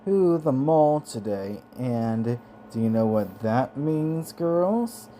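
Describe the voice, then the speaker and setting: A man's voice: medium pitch, expressive, slow pace, warm tone, a little hiss or hum. A man voicing a cheerful young woman in an amateur audiobook reading, asking sing-song questions. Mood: excited.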